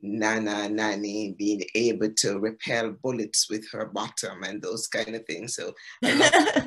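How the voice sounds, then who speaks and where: A man from the Caribbean, an exhibiting artist, explaining history and textiles in an unhurried, storytelling way over a video call gallery talk. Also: fairly low pitch, expressive, fairly bright tone, husky. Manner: storytelling, explanatory with frequent ums.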